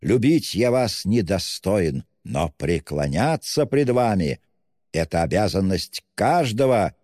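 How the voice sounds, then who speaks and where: A man voicing a drunk, excitable young man who shouts and gushes, fiercely self-abasing in a storybook reading. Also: lowish voice, no echo, studio quality, big-room sound. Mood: effusive. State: tipsy.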